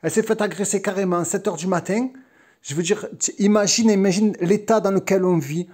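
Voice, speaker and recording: A man talks straight to his viewers in a heated monologue. His voice sits high for a man, and he repeats himself and restarts his sentences often. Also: a little fast, darkish tone. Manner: agitated, repetitive, frequent restarts. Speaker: vlogger.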